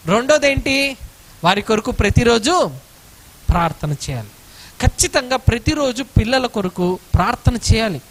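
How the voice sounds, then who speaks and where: A man's voice: high voice, a bit bright. A male preacher telling a story in a sermon, posing questions to his listeners and answering them himself.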